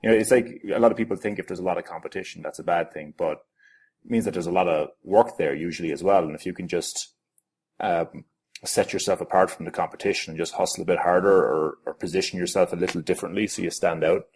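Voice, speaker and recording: A man's voice: sits low, steady tone, fast talker, vocal fry, darkish tone, slightly rough. A man hosting an interview, adding his own points and encouraging the guest. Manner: affirming, frequent back-channel encouragement. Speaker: interview host. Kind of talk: casual interview.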